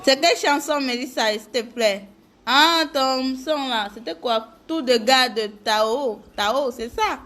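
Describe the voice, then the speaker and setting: A woman's voice: high voice, takes it slowly, a bit bright. A woman chatting casually with viewers during a live makeup tutorial, greeting them by name.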